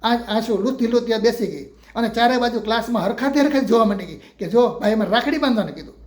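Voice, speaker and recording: A man's voice: very high-pitched, quick pace. An older man from Gujarat with a Gujarati accent, a retired teacher telling a true story from his classroom in a homely, affectionate way, acting out the children's lines. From Gujarat, India. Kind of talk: storytelling monologue.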